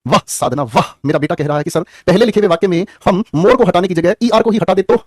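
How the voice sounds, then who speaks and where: A young man from the teaching English grammar in an online class, teasing students by name with quick jokes. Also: high-pitched, no echo, clean studio sound.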